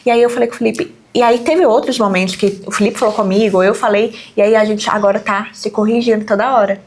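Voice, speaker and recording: A woman in her thirties chatting casually as a podcast host, lively as she tells stories and acts out quoted speech. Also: medium pitch, fast. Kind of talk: casual chat.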